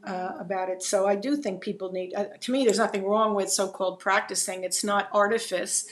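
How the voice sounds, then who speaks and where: A woman's voice: medium pitch, fairly even intonation, a little fast. Rambling New Jersey woman hosting a chat. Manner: rambling, musing, full of fillers. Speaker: podcast host. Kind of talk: conversational interview.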